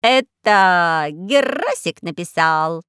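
A woman's voice: on the low side, animated, slow pace, fairly bright tone, clean tone, no room sound, clean studio sound. A woman voicing a sly, greedy, self-pitying old female crow in an audiobook, with a drawling, wheedling delivery. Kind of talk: audiobook character voice.

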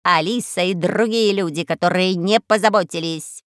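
A sly old crow, put on by a woman reading an audiobook, who drawls her words slowly and wheedles. She is greedy and self-pitying. The recording is dry and close, with no room sound. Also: fairly low pitch, no echo, natural voice. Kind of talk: audiobook character voice.

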